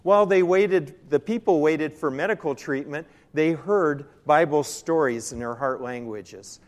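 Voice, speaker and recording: In a big reverberant hall, a missionary who consults on Bible translation presents a slide-show mission talk to a church group. He is an older man with a fairly high voice, speaking earnestly with some hesitation, and the recording carries a long echo.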